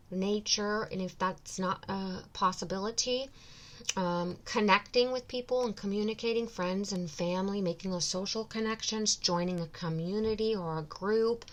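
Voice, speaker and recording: A young woman hosts a tarot reading, speaking slowly and soothingly. She drifts along with frequent ums and pauses at a middling pitch, as if thinking aloud for her viewers. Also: fairly bright tone. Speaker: tarot reader.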